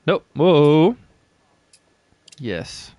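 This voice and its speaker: A man streams a driving game, chatting and rambling with viewers and swearing now and then. His voice is on the high side with big pitch swings and drawn-out words, recorded dry but with loud rally car engine and game sounds under it.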